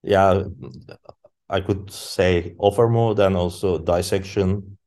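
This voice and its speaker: A man, a podcast guest speaking English as an in halting casual talk with many fillers. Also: sits low, steady tone, a little mellow. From Turkey. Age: 30s. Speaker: guest musician. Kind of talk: casual interview chat.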